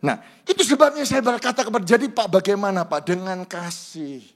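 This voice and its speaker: High-voiced pastor preaching big swings. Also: male voice, a little fast. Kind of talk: sermon. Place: church sanctuary.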